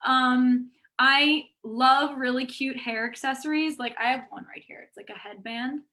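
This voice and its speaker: A woman's voice: high-pitched, steady tone, a little slow, bright, forceful tone. A woman chatting as a guest on a video call, bubbly and full of "like" and laughs. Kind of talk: casual chat.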